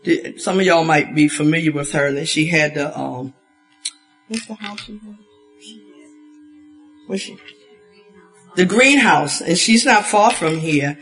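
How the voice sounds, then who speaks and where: A woman from Baltimore leading a church gathering, talking in a relaxed, rambling way with many fillers. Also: sits low, unhurried, long pauses, faint music behind. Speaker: ministry leader.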